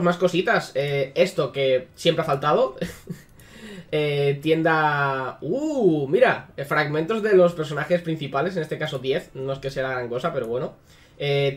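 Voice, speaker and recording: A man giving casual, sarcastic commentary on a mobile game, swearing freely. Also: on the high side. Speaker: gaming YouTuber.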